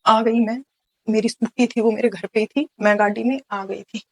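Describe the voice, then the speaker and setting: A woman's voice: fairly high pitch, fairly even intonation, moderate pace, a little mellow, slight background noise, low-quality recording. A young woman from Haryana, telling her life story as an interview guest, earnest and full of restarts. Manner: earnest, recounting events with many restarts and quoted dialogue.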